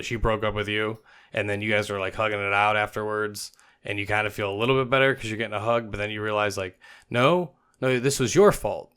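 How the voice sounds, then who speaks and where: A young man narrating football clips as a comic voice-over host, joking and dropping into quick silly voices for the players. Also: lowish voice, fairly bright tone, smooth. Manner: jokey, puts on players' voices in quick asides.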